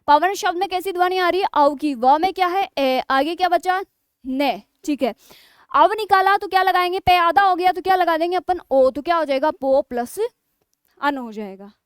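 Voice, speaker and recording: A woman with a very high voice teaches an exam-prep grammar class. She keeps putting questions to her students and answering them herself. The sound is close and dry, with no room echo.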